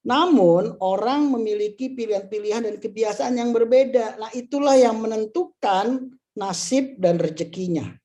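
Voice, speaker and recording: With a mellow voice that sits high and a moderate pace, an Indonesian-accented man of about fifty gives an informal motivational talk. He leads an insurance agency, and his delivery is conversational, packed with rhetorical questions and tag phrases.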